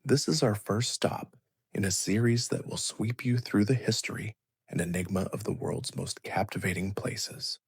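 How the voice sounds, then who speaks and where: A man narrating a scripted bedtime story as a sleep story narrator, in a soothing, measured, hushed delivery. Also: lowish voice, slightly rough, no echo, clean studio sound.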